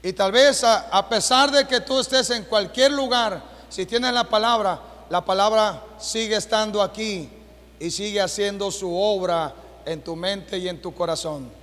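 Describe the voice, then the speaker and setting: A Mexican man preaching a sermon as pastor, with a Mexican Spanish accent, asking the congregation rhetorical questions and rising to shouts. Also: high-pitched, unhurried. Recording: long hall reverb.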